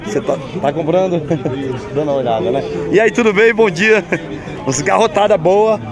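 A chatty man with a Northeastern Brazilian accent, speaking in a fairly high voice while he walks through an open-air cattle market. He keeps up an upbeat, friendly patter with sellers and viewers. A loud, busy crowd murmurs all around him. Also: normal speed. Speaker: vlogger touring a cattle market. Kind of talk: casual walk-around vlog with interviews. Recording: loud crowd noise outdoors.

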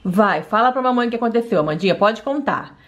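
A woman's voice: on the high side, animated, fast, pitched below the performer's own voice, close to an everyday voice. A woman voicing a patient mother in a doll play story, coaxing and soothing, often saying the child's name.

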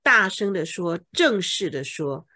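A woman's voice: lowish voice, very animated, unhurried, sharp tone. A woman tutoring English vocabulary, patiently explaining word meanings and checking for understanding with frequent OK. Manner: patient, repeats key words with OK checks.

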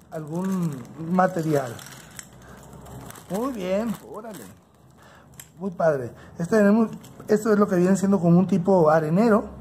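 A man with a Mexican accent narrating a casual hands-on toy unboxing, unhurried and halting as he thinks aloud. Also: sits high, a little mellow, a little hiss or hum. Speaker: toy unboxing channel host. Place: indoors at a tabletop.

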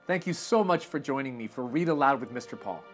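Speaking over music at a brisk clip, the young man uses a medium-pitched voice for this children's storybook reading. His narration is animated and expressive, full of dramatic tonal swings, and was recorded in a living room with a sofa.

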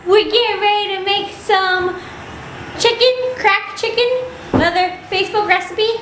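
Giggly young mom with a very high voice. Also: female voice, steady tone, moderate pace, fairly bright tone, a little hiss or hum. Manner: giggly, baby talk to her daughter. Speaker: vlogger, mother. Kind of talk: casual family vlog chat.

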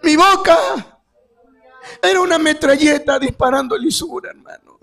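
A man giving a fervent testimony sermon as guest preacher, rising to shouts and calling out to his brothers. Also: very high voice, normal speed.

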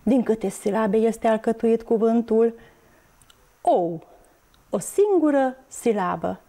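A woman teaching a televised reading lesson to young children, speaking slowly and clearly and spelling out words letter by letter. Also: a little high, lively intonation, dark tone. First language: Hungarian. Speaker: primary school teacher.

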